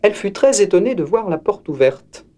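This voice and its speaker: A man reading a fairy tale aloud as narrator, slow and expressive. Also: sits high. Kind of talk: storybook reading.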